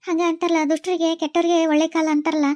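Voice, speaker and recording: A woman's voice: very high-pitched, flat delivery, quick pace, a little mellow. A woman doing a gossiping village woman. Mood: reporting. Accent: North Karnataka Kannada. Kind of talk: cartoon voice acting.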